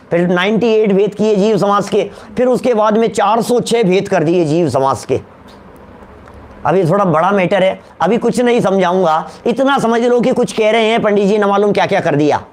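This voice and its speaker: A man a notably high voice teaches a religious lecture. He repeats key terms, slows down to drive them home and keeps putting questions to his listeners. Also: darkish tone. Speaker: Jain scholar giving a discourse.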